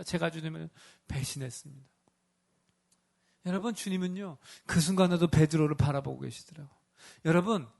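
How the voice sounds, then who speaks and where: Gravelly-voiced pastor preaching emphatically. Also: male voice, high-pitched. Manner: emphatic, asks the congregation rhetorical questions; acts out scripture figures in his own voice. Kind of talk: sermon.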